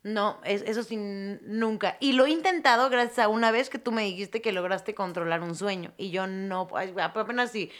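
A young Mexican woman co-hosting a podcast in casual chat, playful and quick to tease. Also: mid-range voice. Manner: playful teasing, laughs often. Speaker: podcast co-host.

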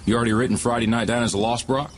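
A man's voice: fairly even intonation, very fast, a little hiss or hum, lightly acted. An actor playing a firm, challenging male football coach in a film drama, speaking in a controlled, commanding way. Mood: calm, firm. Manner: low-key, firm, commanding.

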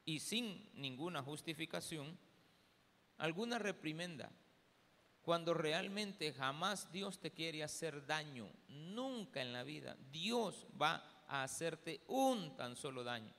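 A pastor with a Salvadoran Spanish accent, reading scripture aloud, praying and preaching in slow, deliberate phrases with pauses. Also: male voice, fairly high pitch, a bit bright, long reverb tail. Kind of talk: sermon with scripture reading and prayer. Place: church sanctuary.

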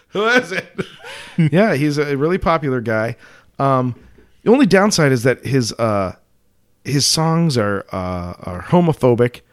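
A man's voice: medium pitch, expressive, measured pace. A man co-hosting a podcast in casual comedic chat, joking and laughing often, with frequent restarts. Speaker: podcast co-host.

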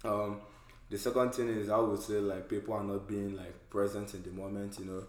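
A man's voice: lowish voice, little pitch movement, normal speed. A man leading a casual group discussion, talking loosely with lots of "like" and "you know". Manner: conversational, many fillers like "like" and "you know". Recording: echoey room.

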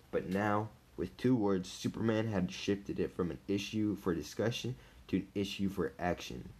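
A man reading a novel aloud in a steady way, with occasional stumbles and restarts. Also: low voice. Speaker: narrator.

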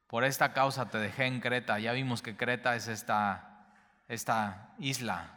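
Bright-voiced man preaching in a reverberant hall. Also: medium pitch, fairly even intonation, a little slow. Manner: repeats key phrases for emphasis, addresses listener directly. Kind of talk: Bible teaching sermon.

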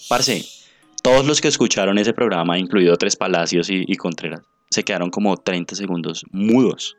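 A man's voice: low voice, moderate pace, faint music behind. Slangy Colombian man telling a spooky story. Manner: animated, slangy storyteller acting out quotes. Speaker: podcast co-host. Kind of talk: casual storytelling chat. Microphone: remote call mic.

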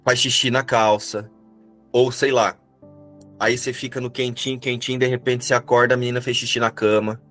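A man calmly explaining a spiritual lesson and asking rhetorical questions, as a teacher would. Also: medium pitch, a little fast, soft background music.

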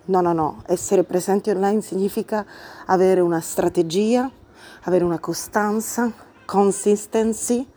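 Earnest woman host with a warm, mellow voice. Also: mid-range voice, steady tone, unhurried. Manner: earnest and reflective, thinking aloud. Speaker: podcast host. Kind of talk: explanatory monologue about a book.

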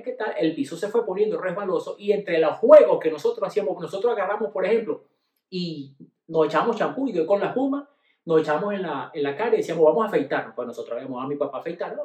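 A middle-aged Venezuelan man casually telling family stories, slangy and animated, dropping to low mutters and rising to loud bursts. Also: fast talker. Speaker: podcast host. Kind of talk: casual storytelling monologue. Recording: roomy echo.

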